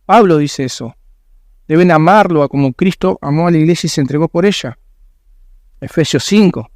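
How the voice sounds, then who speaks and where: A man's voice: on the high side, moderate pace, darkish tone, no echo, studio quality. A man with a Rioplatense Spanish accent preaching a sermon as a pastor in a church, earnest and emphatic, asking rhetorical questions.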